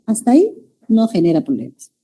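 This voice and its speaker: A woman's voice: a little high, wildly swooping pitch, a little fast, warm tone, slightly rough. A woman teaching a language class, lecturing students and often checking that they follow. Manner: addresses students as "jóvenes", checks understanding with "¿ya?".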